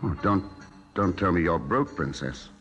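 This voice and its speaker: Suave, wry romantic adventurer. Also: male voice, low voice, big pitch swings, measured pace, dull audio, over music, full character voice. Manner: wry, theatrical. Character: suave, flippant, wooing adventurer. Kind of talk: old-time radio drama acting.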